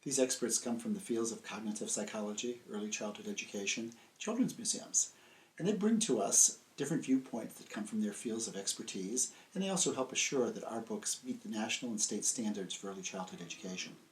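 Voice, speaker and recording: An older American man, author of children's books, delivers a friendly scripted storytelling presentation for young kids, keeping his phrases simple and emphatic, indoors in a small room lined with books. He talks a little fast with lively intonation, his voice on the low side. The audio is poor, with slight background noise.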